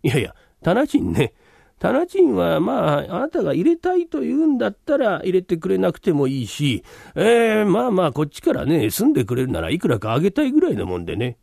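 A man voicing a polite older landlord who tells a tale slowly and dramatically, in rakugo storytelling. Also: high voice, huge pitch swings, vocal fry, a little mellow, no echo, studio quality, heavily acted. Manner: polite, unhurried, dramatic telling.

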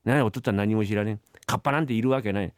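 A man's voice: fairly low pitch, racing, dry recording, studio quality, close to an everyday voice. A man voicing a cheeky, scheming little boy in a rakugo story, impish and wheedling. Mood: smug.

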